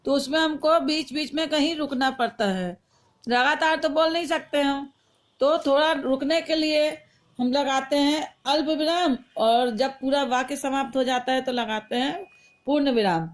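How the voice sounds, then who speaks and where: Woman, high-pitched voice, teacher, patient grammar lesson for children, slow worked examples. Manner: patient, explains slowly with example sentences.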